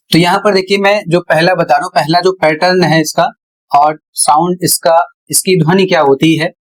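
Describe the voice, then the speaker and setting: A male teacher explaining pronunciation rules at a board in a deliberate way, repeating each step. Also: fairly high pitch, rough recording. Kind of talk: slow classroom explanation at a board.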